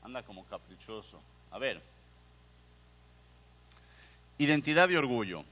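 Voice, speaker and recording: Slight background noise accompanies this medium-pitched male voice, which is a little fast and sharp with big pitch swings. A museum director with a Mexican Spanish accent, he gives a conversational conference lecture, questioning the audience and restarting phrases, in a hall with long reverb.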